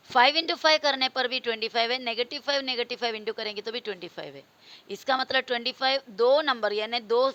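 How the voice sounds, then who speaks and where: A woman's voice: fairly high pitch, a bit bright, rough recording. A woman teaching a school maths lesson, explaining patiently and repeating each step. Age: adult. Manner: patient, repetitive explaining, mixing English number words into Hindi. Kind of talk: classroom-style maths lesson.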